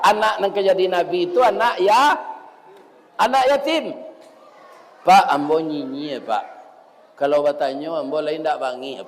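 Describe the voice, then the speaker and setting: Slow-talking Minangkabau preacher in a mosque. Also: male voice, fairly high pitch. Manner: folksy, addresses listeners as "Pak", chants verses and recites rhymes. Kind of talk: village mosque sermon. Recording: long echo of a mosque hall.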